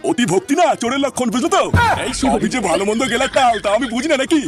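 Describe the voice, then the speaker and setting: A man's voice: very high-pitched, very fast, over music. A man doing a grumpy scolding cartoon father. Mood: grumbling. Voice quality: excitable, scolding, foul-mouthed. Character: grumpy suspicious middle-aged Bengali father-in-law. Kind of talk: cartoon voice acting.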